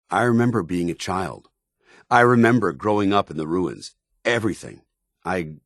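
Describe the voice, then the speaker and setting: A video game voice actor gives a deep, breathy, exaggerated male performance in clean studio sound with no echo. He plays an earnest, honour-bound military paladin, a synthetic man troubled by his identity, delivering dramatic dialogue in a grave, formal, deliberate soldierly manner.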